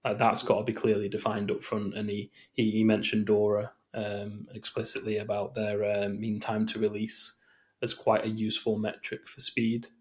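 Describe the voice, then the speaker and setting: A man's voice: on the low side, monotone, normal speed. A man co-hosting a podcast, chatting casually and rambling with many fillers and restarts. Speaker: podcast co-host. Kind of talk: casual chat.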